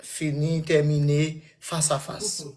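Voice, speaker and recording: Man, non-native French, broken French, slightly high voice, repeats words, casual flirty chat. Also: little pitch movement, slow, a little mellow. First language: not French; speaks broken French. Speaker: suitor in a live online matchmaking chat.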